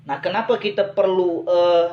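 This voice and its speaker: A business motivational speaker addresses a live online audience, trying to persuade them, asking whether they agree and repeating phrases for emphasis. He has a high voice with a steady tone and a moderate pace. The sound quality is lo-fi.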